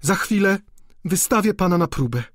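A man's voice: high-pitched, animated, normal speed, no echo, studio quality, voice pushed up. A male audiobook narrator voicing a distraught young noblewoman who speaks in a pleading, tremulous way. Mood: urgent. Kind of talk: audiobook character reading.

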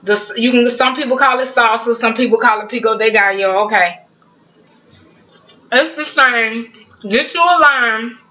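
A woman's voice: a little high, moderate pace, pushed and bright. A woman, chatting to her viewers while eating at home, humming over each bite. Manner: chatty, talks to viewers as y'all, savoring bites with hums. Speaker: cooking vlogger. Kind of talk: casual cooking vlog chat. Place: home kitchen. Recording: roomy, distant, muffled home recording.

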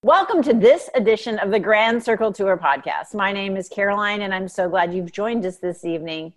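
A woman's voice: mid-range voice, lively intonation, fairly quick. A woman hosting a podcast, chatting casually with her guests. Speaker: podcast host.

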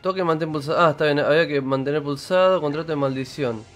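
Argentine male streamer, 30s, slightly high pitch, easygoing chatter while playing, faint music under. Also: fast, fairly bright tone. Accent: Argentine Spanish. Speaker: game streamer. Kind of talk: casual live stream chat. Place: indoor room with purple lighting.

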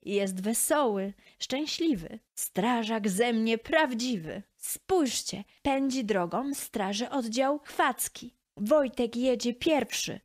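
Slow, expressive woman reading a children's rhyme. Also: on the high side. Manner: slow, expressive, sing-song rhyming delivery. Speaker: storybook narrator. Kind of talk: reading a rhyming children's story aloud.

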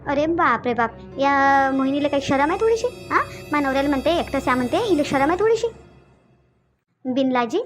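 In this Marathi cartoon dialogue, the same jealous young wife, voiced by a woman with a high, expressive, brisk delivery, keeps pressing her demands in indignant Varhadi (Vidarbha) Marathi. Soft music plays underneath.

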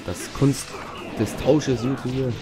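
An excitable young man talks casually over a fighting game, his voice at an ordinary middle pitch. He bursts out and curses whenever the fight turns against him. Loud game music plays behind his voice the whole time. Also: takes it slowly. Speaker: let's play host. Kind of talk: casual gameplay commentary.

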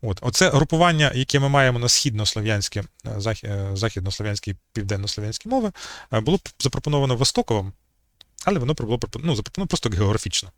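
A man's voice: medium pitch, very animated, rapid-fire, dry recording, clean studio sound. A man giving an unscripted talk on language history as channel host, hesitating often with fillers and restarts.

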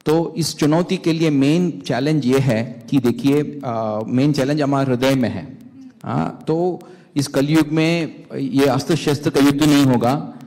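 A middle-aged man, a panel guest, giving a spiritual talk on a TV stage, halting often and mixing in English words, speaking into a handheld mic. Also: mid-range voice, darkish tone. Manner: halting, many restarts, mixes English words. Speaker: panel guest, temple vice-president. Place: large stage hall with audience. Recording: long hall reverb.

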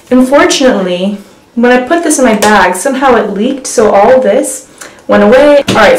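A young woman vlogging to her camera, chatty and rambling with lots of fillers. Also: mid-range voice. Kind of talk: casual vlog chat. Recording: roomy echo.

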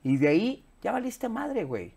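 A man's voice: high-pitched, normal speed, vocal fry, slightly rough. Candid Mexican man in his fifties. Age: 50s. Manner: candid, animated, swears freely, gestures a lot. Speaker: guest. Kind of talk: casual interview chat. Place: studio set with sofa. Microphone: lapel mic.

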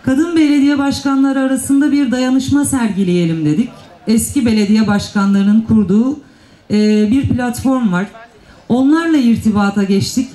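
A middle-aged woman delivers a formal political speech with a fairly high, soft-edged voice. She speaks emphatically into a handheld microphone, repeating phrases for effect, and the public-address sound echoes around her. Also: moderate pace. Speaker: district mayor, panel speaker. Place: panel table on an outdoor stage at night.

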